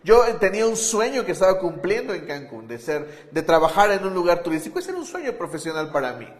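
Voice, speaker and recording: A man's voice: high-pitched, sing-song, fast talker. A pastor preaching a conversational sermon, asking his listeners rhetorical questions. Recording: echoey hall with long reverb.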